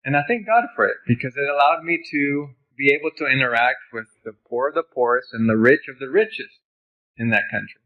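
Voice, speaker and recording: A man's voice: mid-range voice, a little fast, muffled recording. A man who grew up in Honduras, teaching about ministry in a conversational lecture over slides, with personal stories.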